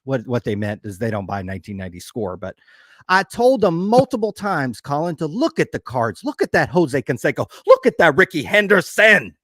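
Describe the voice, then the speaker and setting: A man voicing a grumbling Southern customer who is complaining about a card shop, in a slow, aggrieved, put-on Southern drawl. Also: fairly high pitch, fairly bright tone, no echo, studio quality.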